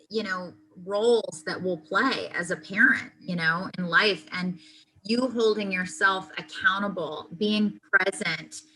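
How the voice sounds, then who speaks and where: A woman's voice: mid-range voice, sharp tone, low-quality recording. A woman hosting a podcast interview, asking thoughtful questions with many fillers. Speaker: podcast host. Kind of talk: interview conversation.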